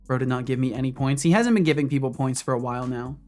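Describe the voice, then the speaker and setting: Speaking fast in a medium-pitched voice, a streamer in his thirties codes in his home office and casually talks to his chat between coding asides. He's a relaxed game developer, with faint music in the background.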